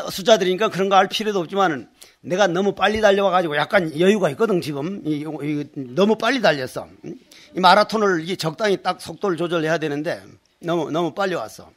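A man's voice: high voice, a bit bright. An older male Buddhist monk giving a dharma talk, telling folksy stories, acting out dialogue and repeating words for emphasis. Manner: folksy storytelling, acts out dialect voices, emphatic repetition. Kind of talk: sermon.

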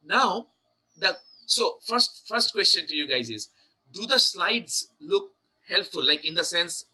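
A man teaching chanting in an online lesson, explaining in a quick, searching way. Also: high-pitched, animated, bright, forceful tone, rough recording.

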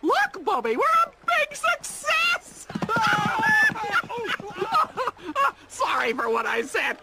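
A woman voicing a vain, gloating female witch in a cartoon dub, shrill and cackling. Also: wildly swooping pitch, extremely slow, full character voice. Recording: music under the dialogue.

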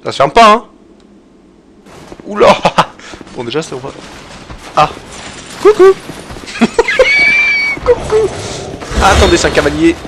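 A man giving excitable gameplay commentary, swearing often and talking to his viewers, with loud game sound behind him. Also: on the high side, normal speed, long pauses. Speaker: gaming channel host. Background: game audio and noise.

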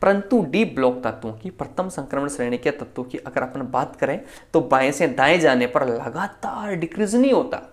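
A man teaching a chemistry lecture online, speaking quickly and explaining step by step, often asking a question and then answering it himself. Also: medium pitch, lively intonation.

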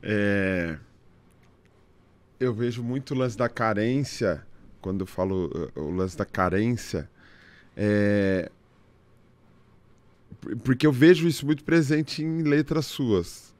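A man with a Brazilian Portuguese accent hosting a casual podcast interview, talking in a slangy, halting way full of restarts. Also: on the low side, a little mellow. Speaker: podcast host.

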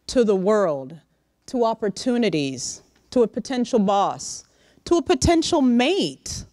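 A middle-aged woman giving a lively, direct motivational talk to young interns in a large conference room, speaking into a handheld microphone. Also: on the high side, no room sound, clean studio sound. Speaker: workshop speaker. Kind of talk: motivational professional-development talk.

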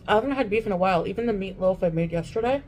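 Young female food vlogger, mid-pitched, chatting casually with mouth full and chewing as she talks; faintly noisy home recording. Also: animated, racing, darkish tone. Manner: chewing while talking, mouth often full. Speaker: mukbang vlogger. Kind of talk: casual chat while eating. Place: furnished living room, indoors. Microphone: camera at table distance.

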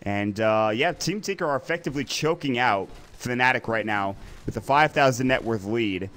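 Upbeat male esports caster. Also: mid-range voice. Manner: quick and excitable during fights, laid-back in lulls. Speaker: esports commentator. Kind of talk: play-by-play commentary.

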